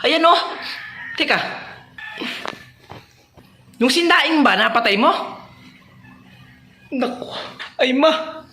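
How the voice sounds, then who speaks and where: A woman performing comedy sketches, switching between characters and often shouting and laughing. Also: sits high, expressive, slow pace, long pauses, slight background noise. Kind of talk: one-person comedy skits, playing every role.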